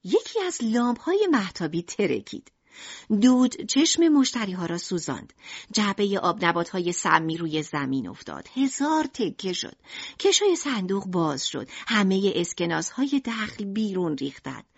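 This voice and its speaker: A woman narrating an audiobook in an expressive storytelling manner. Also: mid-range voice, creaky, breathy edge, no room sound, lo-fi sound.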